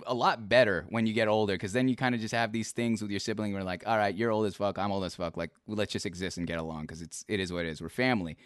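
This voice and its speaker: A man's voice: on the low side, steady tone, fast, hardly any pauses, clear, resonant tone, no echo, studio quality. A man streaming, chatting casually with a guest, teasing and laughing easily, often repeating his words. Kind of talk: casual chat.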